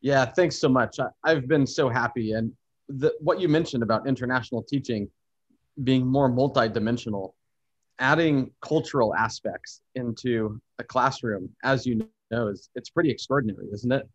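A man's voice: mid-range voice, moderate pace, breathy edge, no room sound. A man recounts his travels in a thoughtful, expansive manner. His voice sits in an ordinary middle register, heard over a muffled, slightly dull line. The sound is dry, with no room around it. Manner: thoughtful, expansive, speaks of cultural experiences warmly. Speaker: podcast guest, traveler and photographer. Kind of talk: reflective storytelling in conversation.

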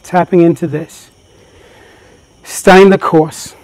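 A man's voice: on the high side, steady tone, slow pace, a little mellow, no echo. A man giving a live motivational presentation to an audience, talking with passion and energy. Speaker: workshop presenter.

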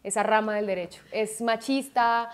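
A woman in her thirties talks in a relaxed interview, her voice sitting a little high. She is expressive and quick to laugh, and acts out the voices of people she quotes. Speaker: guest. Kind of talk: casual interview chat.

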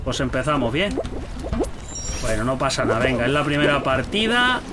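A man giving casual, animated commentary while he plays a game and teases his friends. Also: medium pitch, moderate pace, loud music behind the voice. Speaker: gaming YouTuber.

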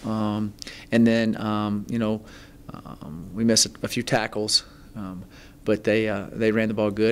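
A middle-aged man, a head football coach, answering reporters at a postgame press conference, halting, with many ums and restarts. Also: lowish voice, slight background noise. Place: press conference room, seated at table. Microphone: table mic in front.

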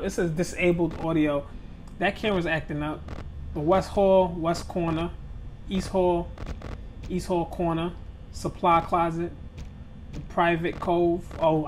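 In this live gameplay clip, a young man playing a horror game for the first time narrates casually in a high voice, with slight background noise. He's a gaming video creator, talking straight to viewers with slangy, swearing, joking trash talk.

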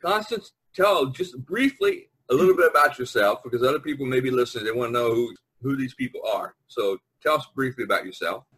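An American man, a visual artist, hosts a casual podcast chat over an online video conference call, talkative and jokey as he prods the others along. The audio is poor, and his mid-range voice is husky and fairly bright, expressive and a little fast with hardly any pauses.

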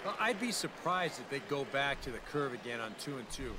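A man voicing a video game's baseball color commentator, explaining the at-bats in a relaxed way. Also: mid-range voice, fairly quick, noisy background, lightly acted. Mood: calm. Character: adult male baseball color analyst. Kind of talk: in-game broadcast analysis.

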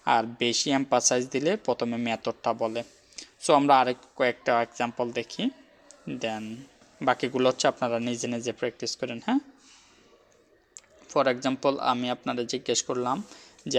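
A man teaching a recorded video lesson, explaining grammar step by step and repeating each example sentence, with English words mixed in. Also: medium pitch. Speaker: language teacher.

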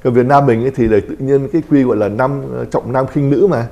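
Priest, man, rapid explanatory talk, dark mellow tone. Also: mid-range voice, fairly even intonation. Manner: explanatory, acts out little quoted dialogues. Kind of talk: pastoral talk show discussion.

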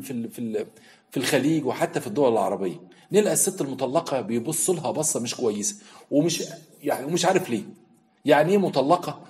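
An Egyptian man telling a story as a show host, firing off quick, indignant rhetorical questions. His voice is dark and mellow, and he talks at a brisk clip. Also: a little high. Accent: Egyptian Arabic. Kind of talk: storytelling commentary.

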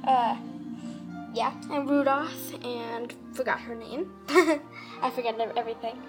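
A woman's voice: fairly high pitch, measured pace, over music, poor audio. A young woman chatting casually to viewers in a home holiday vlog, giggly and talkative, filming on a handheld camera. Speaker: vlogger. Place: family home at Christmas.

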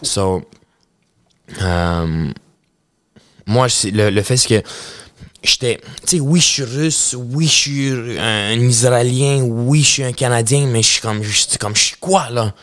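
A professional hockey player in his thirties, speaking with a Quebec French accent, tells his story as a guest in a casual interview. His medium-pitched voice moves at a measured pace, animated, with many restarts and English words mixed in. He is recorded on a boom-arm studio podcast mic in an indoor studio with bookshelves, with no echo.

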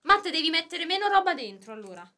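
A young woman with a high, bright voice co-hosts a cooking stream in a casual way. Her pitch jumps around a lot as she teases her partner. She laughs easily. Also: big pitch swings, fast talker. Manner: playful, teasing, laughs often. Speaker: guest co-host.

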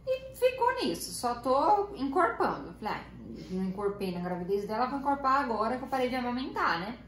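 A woman's voice: a little high, very animated, a little fast. A young Brazilian woman telling a personal story to viewers in a chatty way, often correcting herself mid-sentence. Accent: Brazilian Portuguese. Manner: chatty, self-correcting, quotes family in dialogue. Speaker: vlogger. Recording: roomy home video with faint noise.

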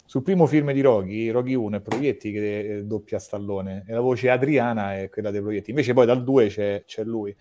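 A man's voice: lowish voice, normal speed, hardly any pauses, mellow, a little hiss or hum. A man interviewing a guest, chatting at length like a fan, with rambling sentences and frequent restarts. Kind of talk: casual interview chat.

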